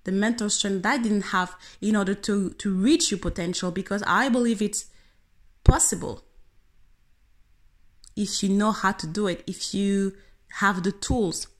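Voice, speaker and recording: A woman's voice: medium pitch, measured pace, pauses often. Earnest woman giving a motivational talk. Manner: earnest, animated, speaks directly to the listener. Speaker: tennis coach.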